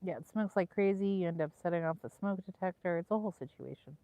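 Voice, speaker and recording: A woman's voice: on the low side, fast, warm tone, dry recording, lo-fi sound. A woman hosting a livestream from beside a lake, chatting casually with viewers in an easygoing, rambling way. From Southern California. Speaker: livestream host. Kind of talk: casual chat with live viewers. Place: outdoors by a lake.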